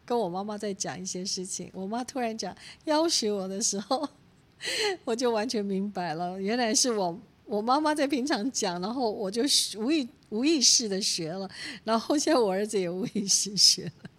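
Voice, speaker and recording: A woman's voice: mid-range voice, normal speed. A woman in her forties with a Taiwanese Mandarin accent, a pastor's wife giving a teaching talk full of personal stories, acting out quotes and laughing often. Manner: animated storytelling, acts out quoted speech, laughs often.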